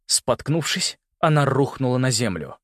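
A man narrating a fantasy audiobook with a dramatic, expressive reading, close to the mic. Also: mid-range voice, normal speed, no room sound. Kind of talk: scripted narration.

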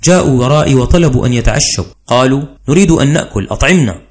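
A man's voice: medium pitch, animated, racing, close to an everyday voice. A man voicing a henpecked middle-aged male commander in a dramatized audiobook, fussy and wheedling. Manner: fussy, wheedling, voice swinging between soft and loud.

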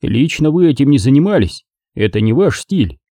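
Male reader as a dark-voiced tough guy, blunt, accusing, lively delivery. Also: mid-range voice, moderate pace, no room sound, pitched above the performer's own voice. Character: dogged male gangster-investigator, blunt and accusing.

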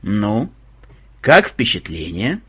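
A man voicing a stern, lecturing leader, low and slow. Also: very animated, sharp tone, slightly rough, exaggerated voice.

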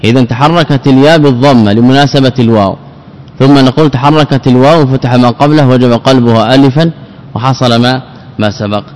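A man teaching a grammar lesson, repeating word forms slowly and putting questions to himself before answering. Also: mid-range voice, steady tone, darkish tone. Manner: repeats words, drills forms, asks and answers own questions. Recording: long hall reverb.

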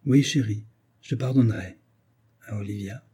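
A man reading the part of an earnest young husband, soothing and gentle. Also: fairly low pitch, moderate pace, husky.

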